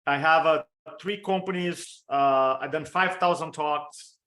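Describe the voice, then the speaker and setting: A Brazilian man in his fifties with a Brazilian Portuguese accent and fairly high pitch gives an energetic storytelling training talk over a video call. As a motivational speaker and coach, he stacks up quick lists of examples.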